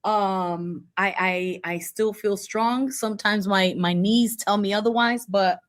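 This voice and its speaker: A woman's voice: mid-range voice, takes it slowly. A woman in her forties co-hosting a podcast, chatting casually and giving firm, playful opinions. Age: 40s. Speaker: podcast co-host. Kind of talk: casual chat.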